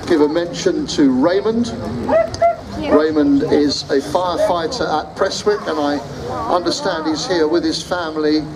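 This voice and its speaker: A man's voice: fairly high pitch, low-quality recording. A man giving airshow commentary, announcing to spectators. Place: outdoor seafront airshow, heard over loudspeakers. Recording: outdoor public address, loud crowd noise. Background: loud crowd and aircraft.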